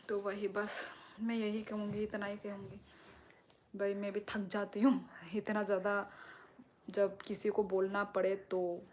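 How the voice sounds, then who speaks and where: A woman's voice: medium pitch, level tone, takes it slowly, a little mellow, slight background noise. A woman hosting a live stream, reading viewers' comments and reassuring them at length. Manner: talks directly to viewers, reassuring and explaining at length. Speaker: livestream host.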